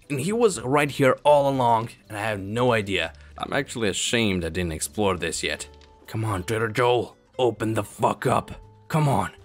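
A man giving excitable let's play commentary, swearing often and talking to himself and the game as he plays. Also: mid-range voice. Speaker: gaming channel host. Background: game music.

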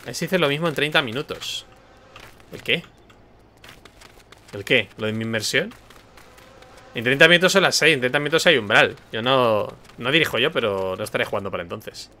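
A man's voice: medium pitch, animated, a little fast, long pauses, pushed and bright. A man with an accent from Spain, a streamer joking and commenting playfully while he plays a video game. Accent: Spain Spanish. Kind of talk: casual gameplay commentary.

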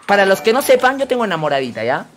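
A man with a Peruvian Spanish accent chatting casually on a live stream while playing, excitable and swearing, often yelling at teammates. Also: high voice, rapid-fire, a little hiss or hum. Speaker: game streamer.

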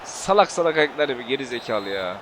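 A young man with a Turkish accent giving excitable, sweary live commentary on his own football video game match as the channel host, with game music behind him. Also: medium pitch, fast, noisy background.

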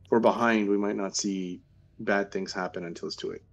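A man playing a tabletop game, giving deliberate instructions. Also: lowish voice, steady tone, vocal fry, highs cut off. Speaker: player.

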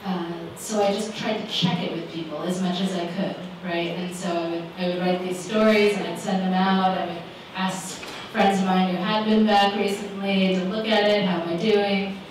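At a living-room panel with a small audience, a woman author in her forties fields questions through a handheld microphone at a moderate pace, barely pausing. Her medium-pitched voice stays fairly even, her answers are thoughtful and full of fillers, and the far camera yields roomy audio with background noise.

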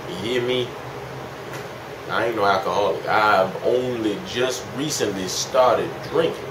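A man's voice: on the low side, a little slow. A man of twenty-one, tipsy and rambling, in a casual, swearing, slangy confessional chat. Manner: heavily profane, slangy. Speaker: vlogger. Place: small indoor room at home. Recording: echoey room with clear background hiss.

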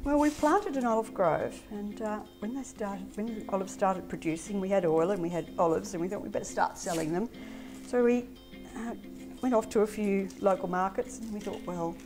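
A woman's voice: mid-range voice, moderate pace, over music. A woman, a guest explaining how she makes chutney in a casual, plain-spoken way with frequent ums. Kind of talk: casual cooking chat. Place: home kitchen, indoors.

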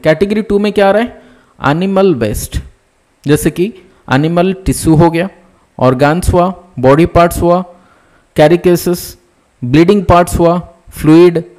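Male lecturer for nursing exams, high-pitched, patient step-by-step explainer, mixes Hindi with terms. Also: moderate pace, long pauses, a little mellow. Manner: explains step by step, often checks "ठीक है ना?". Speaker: nursing exam teacher. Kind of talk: live online class lecture.

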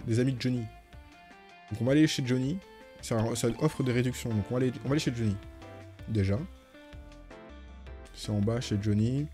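A man's voice: mid-range voice, fairly quick, pauses often, soft background music. A man streaming a video game, chatting casually and thinking aloud as he plays. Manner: relaxed, thinking aloud with fillers.

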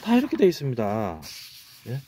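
A man's voice: mid-range voice, wildly swooping pitch, normal speed, mellow. A man giving a casual video lecture on word origins, talking emphatically, repeating words and asking rhetorical questions. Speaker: amateur language lecturer.

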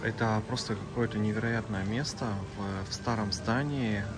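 A man's voice: fairly low pitch, normal speed, loud music behind the voice. A man narrating his travel vlog while walking around with a phone, chatting to viewers as friends with plenty of fillers. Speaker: travel vlogger. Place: outdoors and in hotel rooms, walking with a phone.

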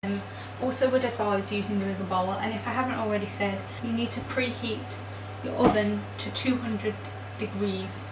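A young adult woman, a home baking vlogger, gives a casual, chatty, self-deprecating baking demonstration in her small home kitchen. Her medium-pitched voice is steady, at normal speed with hardly any pauses. A camera mic a metre or two away picks it up, so the sound is roomy, distant and noisy in the background.

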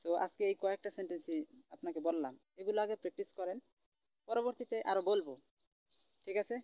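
A spoken English teacher who talks straight to the listener as if on a phone call, asking questions and drilling short English phrases slowly, saying each one twice. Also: medium pitch, fairly even intonation, dark tone, no room sound. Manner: chatty, addresses the listener directly with questions. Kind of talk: mock phone-call language lesson.

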